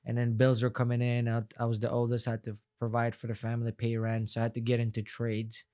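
Talking fast in a mid-range, dark voice with completely flat delivery, a young Afghan guest fighter gives a casual interview. He is a non-native English speaker whose first language is Farsi, and he rambles, repeating words in a heartfelt way.

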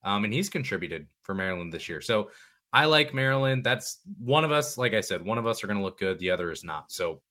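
Bright-voiced man, thoughtful and hedging. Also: fairly low pitch, lively intonation, fairly quick. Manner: thoughtful, hedging, many ums. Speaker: podcast guest. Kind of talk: casual sports podcast chat.

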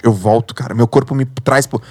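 Husky Brazilian man telling stories. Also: medium pitch, steady tone, a little fast, a little mellow. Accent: Brazilian Portuguese. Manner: slangy and emphatic, swears, acts out his own inner voice. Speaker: guest, mentor for entrepreneurs. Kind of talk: animated podcast storytelling.

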